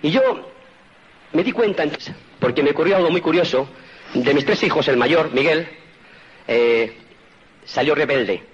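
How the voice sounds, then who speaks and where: A man's voice: on the high side, lively intonation, unhurried, long pauses, slight background noise. A middle-aged man from Spain, giving an earnest motivational testimony and speaking directly to his audience. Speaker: network marketing speaker. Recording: muffled, lo-fi recording.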